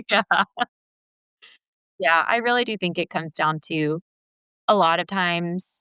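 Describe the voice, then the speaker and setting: A woman in her twenties, a podcast co-host and couples counselor, talking in a casual, animated way with lots of "like.". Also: lowish voice, takes it slowly, clean tone, no room sound. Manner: animated, fills speech with "like".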